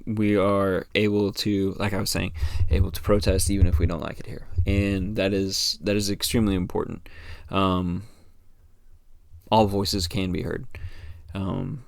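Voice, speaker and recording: A man from the United States talks on his own podcast in a low, relaxed voice. He wanders from thought to thought and fills the gaps with ums and likes. The recording is dry, with no room sound. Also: measured pace, gravelly, dry recording. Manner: rambling, relaxed, many fillers and restarts. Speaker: podcast host. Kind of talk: casual solo podcast chat.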